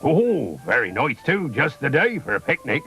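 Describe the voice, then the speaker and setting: A man voicing a gruff, hearty old fisherman, a jovial sailor in a children's story. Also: medium pitch, huge pitch swings, moderate pace, bright, forceful tone, soft background music, pitched above the performer's own voice, full character voice. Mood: hearty, friendly. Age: older.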